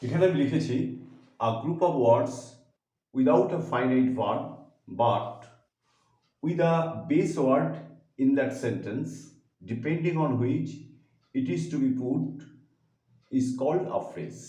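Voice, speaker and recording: Echoey Bengali man teaching grammar slowly. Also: mid-range voice, mellow. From India. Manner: slow, halting explanation, slows further when reading English. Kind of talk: lesson. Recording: echoey room.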